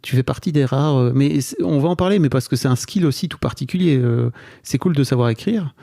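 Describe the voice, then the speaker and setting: A man from northern France hosting a podcast, teasing his guest in a relaxed, casual way with plenty of fillers. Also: medium pitch, a little fast, gravelly, no room sound, clean studio sound. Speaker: podcast host. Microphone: studio microphone.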